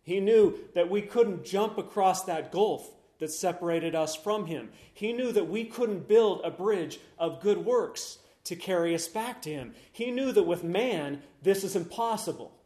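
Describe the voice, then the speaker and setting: Slow, solemn preacher man, roomy echo. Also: sits high, expressive, warm tone. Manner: slow, solemn and emphatic, with long pauses between phrases. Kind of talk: sermon.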